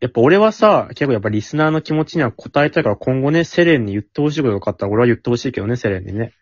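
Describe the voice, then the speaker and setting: A man with a lively, bouncing pitch hosts a casual chat podcast. He reads listener letters aloud with playful emphasis and teases his friends. The recording is dry and a little dull. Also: racing, no room sound.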